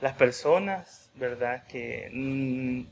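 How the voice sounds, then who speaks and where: A man's voice: mid-range voice, extremely slow, gravelly, a little hiss or hum. A man preaching a sermon in a conversational way, telling a personal story and often adding a questioning tag.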